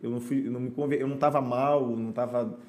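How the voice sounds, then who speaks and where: A pastor tells the story of his conversion on a podcast, speaking earnestly in a preacherly style. He talks fast, with a medium pitch and a steady, darkish tone.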